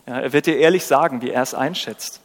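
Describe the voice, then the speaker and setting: A man's voice: mid-range voice, a little fast. A man preaching a sermon, engaging and conversational, often asking the listeners questions and acting out quoted lines. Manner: engaging, asks rhetorical questions, acts out quotes. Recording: long reverb of a hall.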